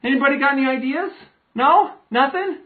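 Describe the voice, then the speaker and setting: A man live-streaming to viewers, chatting loudly and rambling with restarts and jokes. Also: very high voice, lively intonation, brisk, background noise. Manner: loud, joking, rambling with restarts; ranting. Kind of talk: casual live-stream chat. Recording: tinny phone-like sound.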